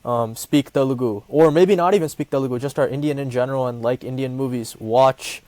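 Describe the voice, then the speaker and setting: A man's voice: medium pitch, fairly quick, dark tone, dry recording. A man in his twenties from Ohio with an American accent, earnestly explaining things in a casual chat and often restarting his sentences. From Columbus, Ohio, USA. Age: 20s. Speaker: co-host.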